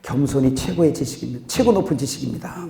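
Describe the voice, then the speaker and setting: A man preaching a sermon as pastor, swinging between loud outbursts and quiet asides, laughing at his own jokes. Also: medium pitch, expressive, fast, vocal fry, reverberant.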